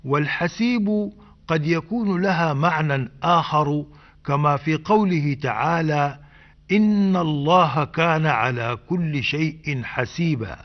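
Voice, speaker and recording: Male radio host for a language lesson, precise and unhurried, recorded as a muffled vintage broadcast. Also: fairly high pitch. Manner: measured, precise, scholarly explanation. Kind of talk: slow scripted language lesson. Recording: dull old radio broadcast.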